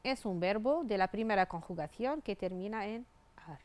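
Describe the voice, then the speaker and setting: A woman's voice: mid-range voice, lively intonation, moderate pace. A woman teaching Spanish grammar, reading out verb forms one by one and spelling out the endings. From Tunisia. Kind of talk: grammar lesson.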